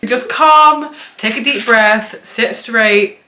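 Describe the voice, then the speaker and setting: A woman's voice: on the high side, slow pace, sharp tone. A woman giving casual self-help advice in an earnest, reassuring, chatty way, with lots of "like" fillers. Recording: noticeable background noise and clicks.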